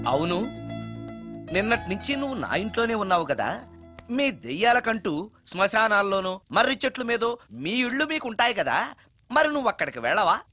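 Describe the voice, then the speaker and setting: An actor playing a comic lead in a film, animated and excitable, muttering to himself and chanting mock spells. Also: male voice, high-pitched. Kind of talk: film comedy dialogue. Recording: film audio with music.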